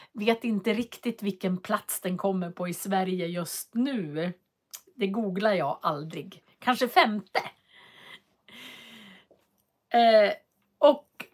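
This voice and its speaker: A woman hosting a casual livestream from her home office, chatting and reading out viewer comments with frequent hesitations. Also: medium pitch. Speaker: livestream host.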